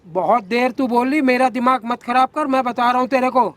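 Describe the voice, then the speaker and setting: A man's voice: extremely high pitch, brisk, no room sound. A middle-aged actor playing a domineering widowed man who keeps ordering a young woman around, in a short-film drama. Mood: bossy. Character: coercive widowed older man, bossy.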